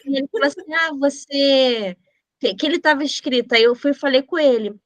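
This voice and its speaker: A woman with a slightly raised pitch talks casually in a reading group, retelling exchanges and putting on voices for the people she quotes. Her voice sits close and dry, with almost no room sound. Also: fast, dry recording. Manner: storytelling, quoting others with animated voices. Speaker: book club member.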